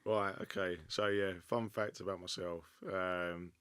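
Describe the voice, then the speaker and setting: A man's voice: deep voice, little pitch movement, a little slow, fairly bright tone, clear, resonant tone, dry recording. A businessman with an Essex accent answering interview questions casually, hesitant and full of fillers and restarts. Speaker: company founder and CEO.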